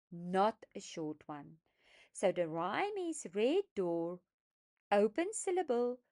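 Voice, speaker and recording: A woman explaining a phonics lesson, speaking deliberately and stressing each sound as she sounds out words for young learners. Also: medium pitch, dark tone. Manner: slow, deliberate, emphatic teaching voice, sounding out words. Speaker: phonics teacher trainer. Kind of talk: instructional lesson narration.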